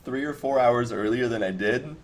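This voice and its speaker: A man's voice: mid-range voice, moderate pace, noisy background. Young man rambling on a headset call. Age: 20s. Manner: rambling, laughs often, many restarts. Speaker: cannabis streamer. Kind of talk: casual live-stream chat. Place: small home room, indoors. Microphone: headset, video call.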